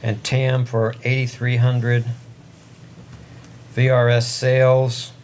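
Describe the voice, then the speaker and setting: A man speaks up to carry across a meeting room as he chairs formal board business. His delivery is even and flat in pitch, at a medium register, with some room noise behind him. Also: takes it slowly. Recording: noisy meeting room audio with ambience.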